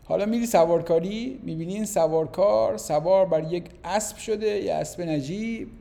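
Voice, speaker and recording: A man giving a motivational talk, full of rhetorical questions, swinging between loud emphasis and quiet asides. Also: sits high, vocal fry. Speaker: motivational speaker.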